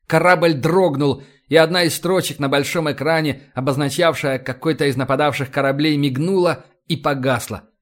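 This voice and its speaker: Man, audiobook narration, scripted, steady measured reading, fairly high voice.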